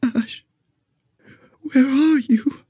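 A man voicing a dying young woman who speaks in a weak, breathy voice. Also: extremely high pitch, extremely slow, warm tone, dry recording, voice pushed up, heavily acted. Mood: weak tender.

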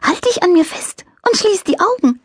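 A tiny squeaky child angel. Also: female voice, very animated, normal speed, dry recording. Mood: bright, eager. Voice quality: delicate high voice. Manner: speaks overly clearly.

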